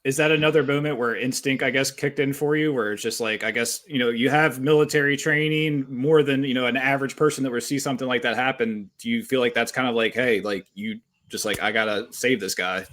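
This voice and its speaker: A man's voice: mid-range voice, fairly even intonation, brisk, few pauses, fairly bright tone. A man hosting a casual interview, asking questions hesitantly with repeated words and fillers. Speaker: podcast host.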